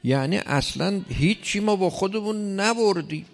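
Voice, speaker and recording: A man's voice: high voice, expressive, gravelly. A man preaching a sermon in an emphatic way, pushing hard on key lines. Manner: emphatic, rising to loud stresses. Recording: long hall reverb.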